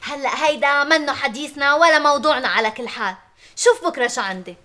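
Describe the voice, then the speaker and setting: An actress with a Lebanese accent playing a frazzled, overworked wife and mother in a sitcom, who complains indignantly in long rapid lists. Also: high-pitched, bright, forceful tone. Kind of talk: sitcom acting.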